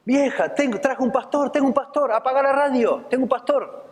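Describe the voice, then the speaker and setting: A man voicing an excited elderly homeowner with a Rioplatense accent, shouting in disbelief, in an echoey hall. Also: a little fast. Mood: astonished. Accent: Rioplatense Spanish. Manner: shouting, high-pitched and astonished.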